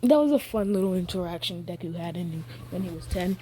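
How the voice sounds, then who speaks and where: A woman's voice: fairly low pitch, brisk, warm tone, slight background noise. A woman casually telling a made-up fan story, giggling often and rambling with fillers.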